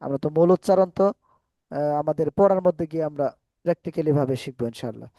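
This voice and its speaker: A man teaching an online Quran class, patiently explaining letter sounds and vowel marks step by step, now and then chanting phrases in slow drawn-out recitation. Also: on the high side, vocal fry, dry recording, lo-fi sound.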